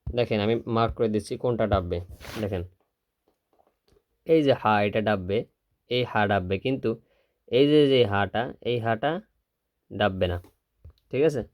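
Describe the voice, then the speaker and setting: A man teaching Quran recitation step by step, who drills slowly, repeats syllables, and asks and answers his own questions. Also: lowish voice, muffled recording. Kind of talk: step-by-step spelling lesson.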